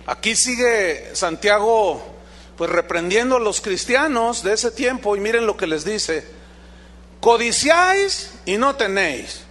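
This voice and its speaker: A man's voice: high-pitched, animated, unhurried, fairly bright tone. A Mexican man with a Mexican accent, preaching a sermon as pastor, emphatic and quizzing his congregation with rhetorical questions. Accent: Mexican Spanish.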